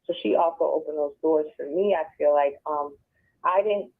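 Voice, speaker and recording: Gravelly-voiced woman on a phone line. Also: sits low, normal speed. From Buffalo, New York. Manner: reflective, soft-spoken, with hesitant restarts. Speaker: radio interview guest. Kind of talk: conversational interview. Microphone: phone call.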